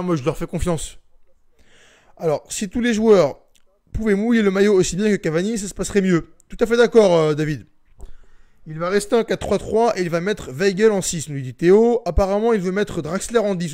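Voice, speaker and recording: A man's voice: high voice, a little mellow. A young man hosting a casual live stream, reading viewer comments aloud and answering them in a chatty, informal way.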